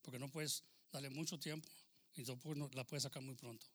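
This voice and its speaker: An older man giving an earnest church testimony, exhorting his listeners as brothers and bursting into loud emphasis. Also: mid-range voice, fairly even intonation, brisk, no echo. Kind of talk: testimony sermon.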